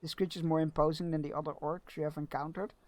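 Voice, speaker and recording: A man's voice: fairly high pitch, little pitch movement, fast talker, no echo. A man streaming a fantasy game, chatting sarcastically, swearing, laughing and reading quest text aloud. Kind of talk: casual live-stream commentary.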